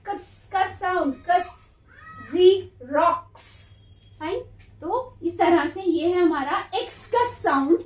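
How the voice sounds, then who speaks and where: A woman teaches phonics at an unhurried pace, breaking words into sounds and repeating them. Her voice is high, and she calls her students "beta". She is heard from some distance in an echoing room. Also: lively intonation. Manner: sounds words out slowly, repeating each one. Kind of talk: slow classroom phonics lesson. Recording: echoey room from far off.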